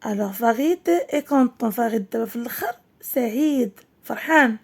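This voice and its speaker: A woman teacher with a Moroccan accent giving a reading lesson, reading slowly and clearly, then explaining quickly. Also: fairly high pitch. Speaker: primary school French teacher.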